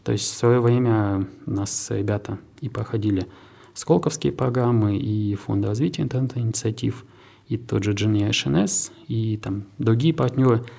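This man runs a tech park and is being interviewed. His voice is deep, gravelly and husky with a dark quality, and he talks in a measured, businesslike manner, occasionally starting his phrases over.

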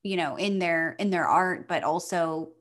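A woman's voice: lowish voice, unhurried, a bit bright. A woman in her thirties co-hosting a podcast, chatting casually, laughing often and trailing off with fillers. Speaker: podcast co-host. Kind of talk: casual chat.

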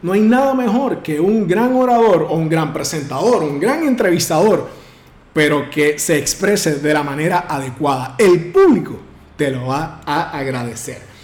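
A man coaching on public speaking, projecting his voice firmly with big deliberate swings in pitch. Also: animated, darkish tone. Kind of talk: instructional talk to camera. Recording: roomy echo.

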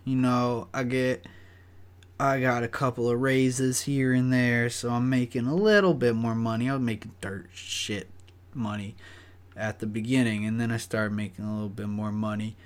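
A man's voice: mid-range voice, steady tone, moderate pace, clear, resonant tone. A young man casually telling a story, rambling and swearing with lots of fillers. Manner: profane, rambling, full of fillers.

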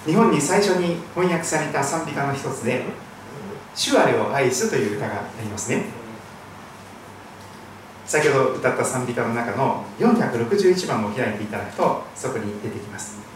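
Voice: mid-range voice, lively intonation, normal speed, a little hiss or hum. A pastor from Shikoku giving an earnest, emphatic sermon in a church. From Shikoku, Japan. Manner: earnest, emphatic preaching with hymn singing. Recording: very echoey hall, voice from a distance.

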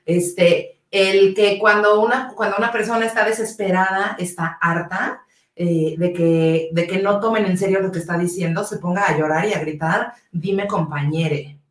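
A woman's voice: medium pitch, fairly even intonation. Passionate Mexican woman ranting, roomy. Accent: Mexican Spanish. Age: 30s. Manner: passionate, swearing, fast rants. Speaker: podcast co-host. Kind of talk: casual podcast chat. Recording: roomy, distant mic.

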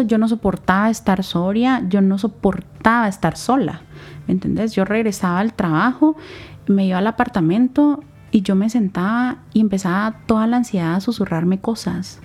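A young woman with a Guatemalan Spanish accent, speaking as an interview guest in earnest, reflective personal testimony, in short halting phrases. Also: medium pitch, darkish tone.

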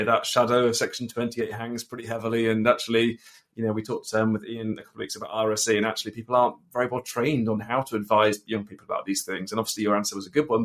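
A man co-hosting a podcast who speaks from a teacher's view in a brisk, analytical way. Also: lowish voice, fairly bright tone. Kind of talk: casual chat.

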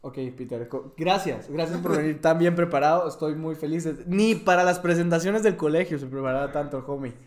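A man hosting a casual podcast, teasing and joking in quick banter. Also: fairly high pitch. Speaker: podcast host. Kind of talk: casual podcast chat reacting to videos.

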